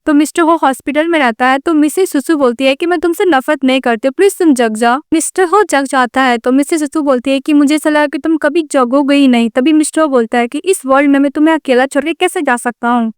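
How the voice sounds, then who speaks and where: A young woman tells a drama's story in a loose, casual recap. She passes along each character's lines in reported speech and drops in English words as she goes. Her voice sits high and sounds close and dry. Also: fast talker, few pauses, no room sound.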